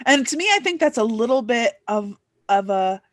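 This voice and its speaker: Her voice is a little high and animated, moving at a moderate pace in clean studio sound with no room sound. This young booktuber keeps her casual book chat chatty, heavy on "like" fillers, and quotes in playful voices.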